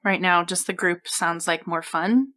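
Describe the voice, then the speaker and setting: A woman's voice: lowish voice, measured pace, bright, forceful tone. Young woman co-host, amused and chatty. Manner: brief, amused reactions and laughs. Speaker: podcast co-host. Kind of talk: casual chat.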